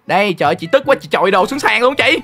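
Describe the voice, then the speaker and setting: A young woman, hosting a gaming channel with excited, exclamatory running commentary on the game. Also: mid-range voice, racing. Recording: faint game music behind.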